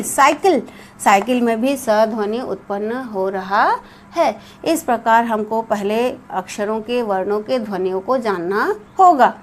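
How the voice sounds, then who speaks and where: A woman's voice: on the high side, a little hiss or hum. A woman teaching a classroom-style lesson, spelling out letters and repeating sounds for emphasis. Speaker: English teacher.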